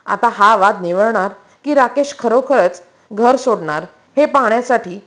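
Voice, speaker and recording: A woman narrating a scripted entertainment news voice-over in a brisk, even newsreader manner. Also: fairly high pitch.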